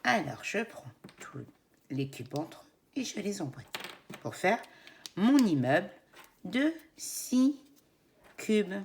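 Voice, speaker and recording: A woman presents like a kids show host, with a very lively, singsong melody. She speaks slowly and instructively, guiding young children step by step with encouragement. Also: mid-range voice, slight background noise. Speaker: teacher presenting a children's counting game. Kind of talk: educational demonstration addressed to young children.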